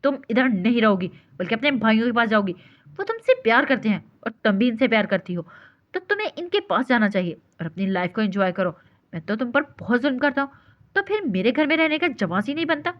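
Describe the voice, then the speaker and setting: A woman voicing a short-tempered young husband who threatens and scolds gruffly. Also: extremely high pitch, sing-song, a little fast. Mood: angry scolding. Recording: dull lo-fi recording.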